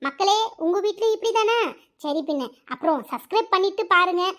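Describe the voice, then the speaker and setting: A woman's voice: very high voice, expressive, fairly quick, fairly bright tone. A woman narrator of a cartoon channel speaking directly to viewers. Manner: chatty, addressing the audience.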